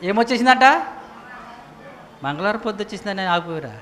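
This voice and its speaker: A man preaching a sermon with emphatic rhetorical questions, swinging from loud to hushed. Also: high-pitched, animated, a little fast. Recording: echoey hall reverb.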